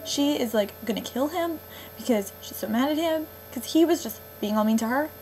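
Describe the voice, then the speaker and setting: A woman's voice: high voice, lively intonation, fairly quick, darkish tone, slight background noise, low-quality recording. Sarcastic young woman ranting about a movie. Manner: sarcastic, exasperated, full of 'um' and 'like'. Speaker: vlogger reviewing a movie. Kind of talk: casual movie review.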